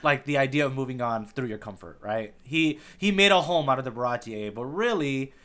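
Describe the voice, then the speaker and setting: A podcast co-host recaps a manga arc in casual chat, thinking aloud, rambling and saying "like" a lot. His mid-range voice is somewhat bright, with lively intonation and a brisk pace.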